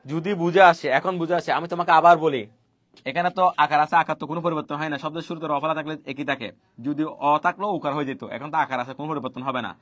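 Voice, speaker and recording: A man's voice: a little high, steady tone, racing, fairly bright tone, dry recording. A man teaching pronunciation rules, repeating each point and quizzing his students. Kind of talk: fast spoken online lesson on pronunciation rules.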